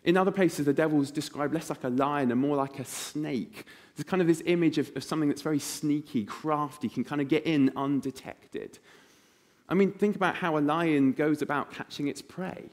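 A man preaching a sermon in church, telling vivid stories and acting out voices in a hushed tone. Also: fairly high pitch, normal speed.

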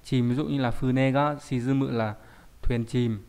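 A man teaches an online Japanese lesson in a plain, middle-pitched voice. He explains step by step and keeps checking in with rhetorical questions. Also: fairly even intonation, measured pace, darkish tone, smooth.

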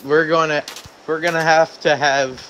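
A man's voice: a little high, flat delivery, normal speed, a loud crowd, rough recording. A young man chatting while gaming, rambling and goofy. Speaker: gamer. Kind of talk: casual gaming chat.

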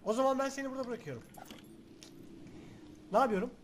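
A young man giving casual let's-play commentary, excitable and chatty, talking to the game's objects with mock threats and sudden shouts. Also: extremely high pitch, quick pace, a little hiss or hum. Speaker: gaming video host.

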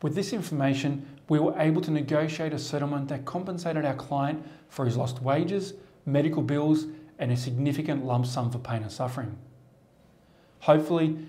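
Mellow Australian man reading to camera. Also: on the high side. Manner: measured, formal, steady delivery. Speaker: lawyer presenting a firm's explainer. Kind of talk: scripted explainer to camera. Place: studio set at a desk.

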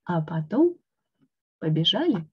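A woman reading a picture book aloud to children with expressive, slow storytelling. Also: on the low side, husky. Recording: dull lo-fi online call.

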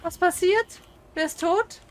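A woman's voice: very high voice, unhurried, a little hiss or hum. A young woman streaming a horror game with friends, talking in frightened, panicky outbursts. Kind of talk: casual gaming chat.

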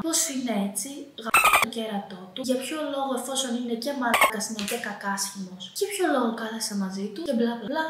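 A woman's voice: on the high side, pushed and bright. A young woman from Greece casually telling funny stories to camera as a vlogger, chatty and laughing, swearing casually. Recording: very echoey room with faint noise.

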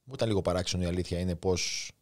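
Emotional Cypriot Greek man in his thirties. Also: low voice. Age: 30s. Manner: impulsive, emotional, spontaneous storytelling. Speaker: guest author and coach. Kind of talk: casual interview chat.

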